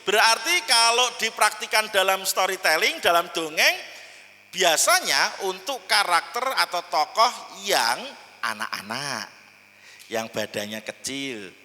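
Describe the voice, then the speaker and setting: A man's voice: high-pitched, unhurried. A man teaching a storytelling workshop, playful and demonstrative with his class. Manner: lively, demonstrative, playful with the audience. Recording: long hall reverb.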